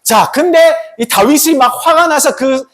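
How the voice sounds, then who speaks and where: A pastor giving an animated youth sermon, telling a story and constantly checking in with the kids through questions. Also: high voice, measured pace. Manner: animated, asks the kids questions often, tag questions. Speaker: pastor preaching to a youth group.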